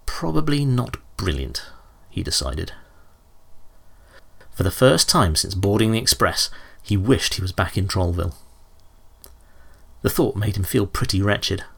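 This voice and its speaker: A man narrating a children's adventure story with a low, husky voice. His reading is expressive and animated. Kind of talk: audiobook storytelling.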